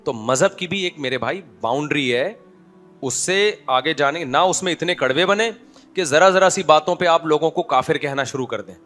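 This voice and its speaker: A man's voice: on the high side, fairly bright tone, faint music behind. A man, an Islamic scholar, giving a conversational religious talk full of humorous anecdotes and often asking listeners if they follow.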